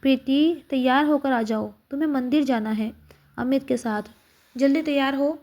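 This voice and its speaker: A woman voicing a gentle middle-aged mother who speaks softly and coaxingly in a read-aloud story. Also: high voice, moderate pace, dull audio. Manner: soft, coaxing.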